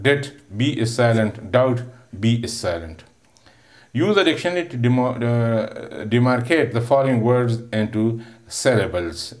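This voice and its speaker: A man teaching a recorded English lesson, going word by word with many filler pauses and slowly stretching words to sound out syllables. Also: mid-range voice, darkish tone. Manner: patient, repetitive, explains word by word with many "uh" fillers; drawn-out syllable sounding when teaching pronunciation. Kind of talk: recorded online classroom lesson.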